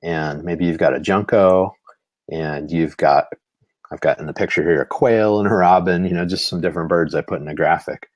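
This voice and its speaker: Guy with a real low voice explaining bird alarm calls, lots of "you know", dry close sound. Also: moderate pace, no echo. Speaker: nature instructor. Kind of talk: live-streamed lesson.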